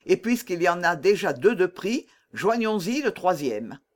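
A man's voice: high voice, big pitch swings, unhurried. A man voicing a scheming older cardinal in a storybook reading, sly and ingratiating.

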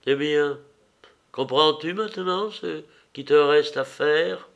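A man's voice: a little high, takes it slowly, gravelly. A man reading the part of a proud, bitter imperial Roman mother in an audiobook, in a stern, commanding manner.

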